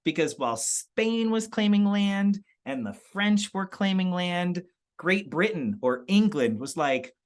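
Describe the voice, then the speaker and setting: A male teacher walks through a history lesson in a loose, conversational way. His pitch swings widely and he peppers his explanations with quick check-ins. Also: lively intonation. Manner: chatty, explaining with asides and "right?".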